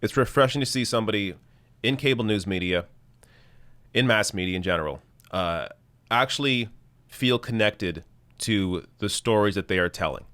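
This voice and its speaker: A man with a fairly low voice hosts a political commentary show. He speaks off the cuff to his viewers, earnest and opinionated, pressing his points with emphasis. The sound is fairly dry and close. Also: normal speed, a bit bright, no echo. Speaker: host of a news commentary show.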